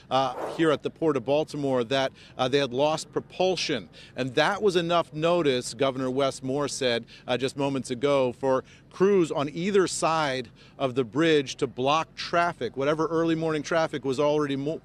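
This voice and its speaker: A man in his fifties with an American accent reports live as a news correspondent, holding a handheld microphone close. He's outdoors by a highway among press crews, with a low rumble of outdoor noise in the background.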